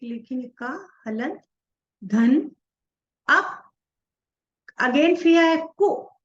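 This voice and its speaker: Slow, lively-voiced woman teaching letter by letter. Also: high-pitched, muffled recording. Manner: asks the class questions and answers them herself; spells out each letter slowly while writing. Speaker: Sanskrit teacher. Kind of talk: explaining a textbook lesson.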